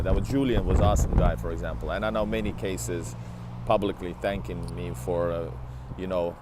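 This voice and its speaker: A man in his thirties from Latvia and Finland, sounding tired, speaks in a low-pitched voice over background noise. He's a travel vlogger live-streaming while walking a city street beside a large building, using a wired earbud headset with his phone at arm's length. His casual viewer chat is rambling, full of restarts, and responsive to chat.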